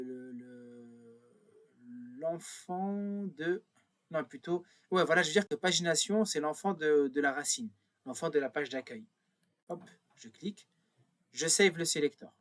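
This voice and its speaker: A man thinking aloud through a screen-recorded tutorial, with many fillers and self-corrections as he clicks. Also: fairly high pitch. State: a bit nervous. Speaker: instructor.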